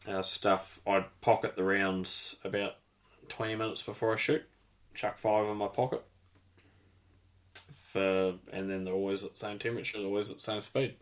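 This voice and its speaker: A man's voice: lowish voice, flat delivery, moderate pace. A man chatting casually as host, rambling through technical details and swearing now and then. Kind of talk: casual chat.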